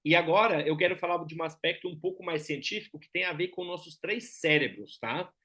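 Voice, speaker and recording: Man, German accent, somewhat higher-pitched voice, explanatory lecture, didactic, frequent check-in tags. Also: fairly quick, bright, forceful tone. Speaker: Enneagram teacher.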